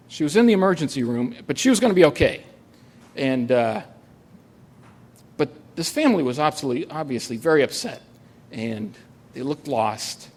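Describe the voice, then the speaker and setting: A man tells a personal story on stage at a live storytelling event. His humor is wry and understated, and he pauses on frequent "uh" fillers. His voice sits at a middle pitch for a man. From United States.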